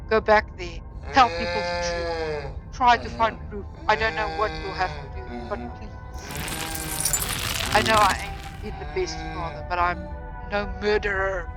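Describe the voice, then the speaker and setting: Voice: mid-range voice, lightly acted, low-quality recording. Bitter, remorseful old man on his deathbed, acted by a game player, folksy and pleading, music underneath. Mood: desperate, pleading. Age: older.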